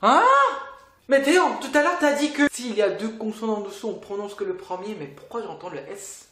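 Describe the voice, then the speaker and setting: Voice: medium pitch, normal speed, a bit bright, roomy sound, lightly acted. A language teacher voicing a puzzled student who asks hesitant questions about pronunciation. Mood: questioning.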